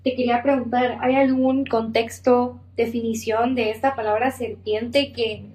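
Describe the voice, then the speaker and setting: A woman's voice: fairly high pitch, level tone, unhurried, darkish tone, rough recording. A woman co-hosting a Bible study podcast, asking follow-up questions in a conversational way. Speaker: podcast co-host.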